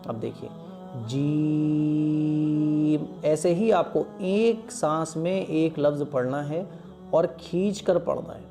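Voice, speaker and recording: A man gives a patient Quran lesson, drawing out each letter in one long breath and checking in often with his listeners. His voice sits a little high yet sounds mellow and soft. Faint music plays quietly behind him. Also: animated. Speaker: Quran teacher. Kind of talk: step-by-step lesson teaching Arabic letters.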